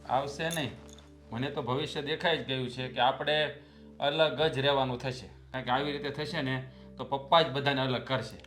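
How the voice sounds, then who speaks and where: A man's voice: medium pitch, fairly even intonation, moderate pace, a bit bright, faint music behind, natural voice. An actor playing a frustrated elder brother and husband who complains about his family and bickers with his wife. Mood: grumbling. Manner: complaining, teasing banter. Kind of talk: family drama acting.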